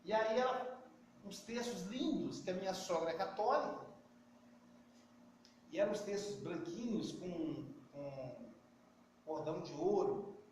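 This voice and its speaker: High-voiced Brazilian man, echoey and distant. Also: lively intonation, unhurried, pauses often, a little mellow. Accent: Brazilian Portuguese. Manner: anecdotal, acts out dialogue. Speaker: spiritist speaker. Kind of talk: casual storytelling talk. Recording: echoey, distant, faint noise.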